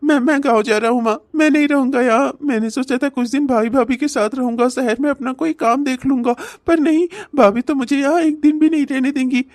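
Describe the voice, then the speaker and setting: A woman's voice: high-pitched, brisk, few pauses, a little mellow, dry recording, clean studio sound, close to an everyday voice. A woman voicing a sly, unemployed young brother-in-law who whines and fake-sobs in a cartoon comedy. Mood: fake crying. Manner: fake sobbing, whiny.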